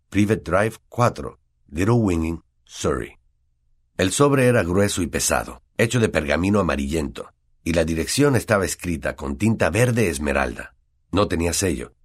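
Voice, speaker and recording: A male audiobook narrator with a Latin American Spanish accent and a deep, husky voice. He tells the story expressively, with lively rises and falls. The reading is steady and engaging.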